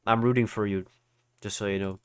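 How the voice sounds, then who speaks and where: A man hosts a casual trading tutorial over an online livestream, his low-leaning voice clear, resonant and steady in tone, with a brisk delivery. He's congested with hay fever. As he teaches, he explains informally and often checks in to see whether listeners follow.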